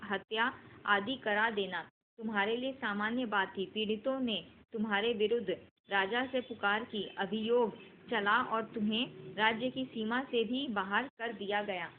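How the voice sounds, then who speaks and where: A woman reading the part of a wise old male sage, calm and stern, in a steady, measured devotional scripture reading over a tinny phone-like line. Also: mid-range voice, slight background noise, close to an everyday voice. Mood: solemn.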